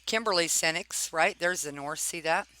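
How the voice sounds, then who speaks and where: Someone reads property records aloud and comments on them informally, sounding pointed and questioning and often adding check-in questions to their remarks. The voice is medium-pitched, bright and forceful at a normal pace, though the audio quality is poor.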